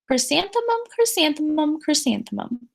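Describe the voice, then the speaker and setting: A woman voicing a sensitive, earnest little girl in a storybook, with drawn-out, emphatic words. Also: high-pitched, very animated, gravelly, pitched above the performer's own voice, full character voice. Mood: dreamy delight.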